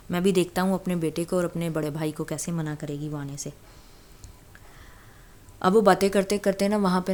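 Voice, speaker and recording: A woman's voice: fairly low pitch, a little mellow. A woman casually retelling a novel's plot as a storyteller, talking in a loose conversational way with fillers and restarts.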